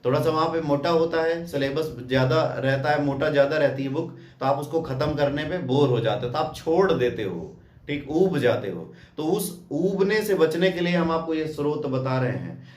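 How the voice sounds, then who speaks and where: Male exam coach, casual direct delivery, raised pitch, echoey room. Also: normal speed, darkish tone. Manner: direct, repeats "ठीक" as a check-in, addresses viewer as brother. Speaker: exam prep teacher. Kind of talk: casual coaching talk showing books.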